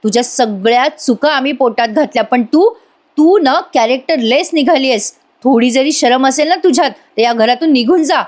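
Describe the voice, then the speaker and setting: A woman voicing a stern young sister-in-law who scolds slowly and firmly. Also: sits high, a little mellow, natural voice. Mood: scolding. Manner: slow, scolding, firm.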